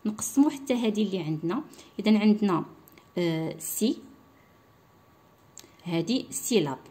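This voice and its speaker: A young woman with a Moroccan accent teaching a primary French lesson online, explaining in Darija and reading French lines slowly, syllable by syllable. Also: medium pitch, lively intonation, dark tone.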